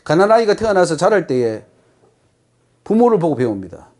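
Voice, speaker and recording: A man's voice: high-pitched, sing-song, brisk, a little mellow. A man with a Gyeongsang accent preaching a sermon as pastor, emphatic and putting rhetorical questions to the congregation. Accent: Gyeongsang Korean.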